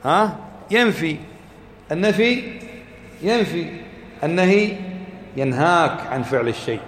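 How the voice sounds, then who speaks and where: A man's voice: fairly high pitch, expressive, a little slow, a bit bright, a little hiss or hum. A man teaching a class as a religious teacher, questioning students, repeating points and chanting quoted verses. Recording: echoey hall with faint ambience.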